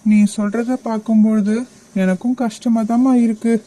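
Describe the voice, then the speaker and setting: A woman voicing a gruff adult male hunter speaking firmly to his wife in a cartoon. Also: a little high, fairly even intonation, normal speed, warm tone, close to an everyday voice.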